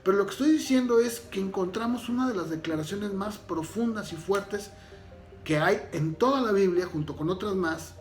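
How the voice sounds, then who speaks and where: A man's voice: sits high, moderate pace. A man pastor giving a conversational sermon, thinking aloud with fillers and restarts. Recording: roomy echo with faint music behind.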